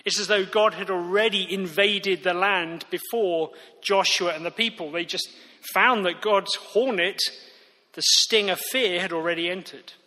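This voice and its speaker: A man delivers a sermon in a bright, forceful voice pitched a little high. He is earnest and emphatic and keeps circling back to his key phrases. The sound carries a long reverb, as in a church hall. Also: measured pace. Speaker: preacher.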